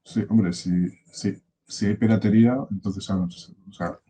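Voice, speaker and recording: A man's voice: lowish voice, steady tone, unhurried, mellow, a little hiss or hum, low-quality recording. A man hosting a casual video-call interview, agreeing often and reading out viewer questions. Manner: frequent short agreeing backchannels, reads out viewer questions. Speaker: interview host.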